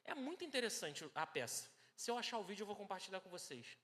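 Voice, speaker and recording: A man's voice: high voice, sing-song, quick pace. Emphatic Brazilian man preaching in reverberant hall. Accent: Brazilian Portuguese. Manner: emphatic, swings from hushed storytelling to loud exhortation. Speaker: pastor. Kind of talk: sermon with personal testimony.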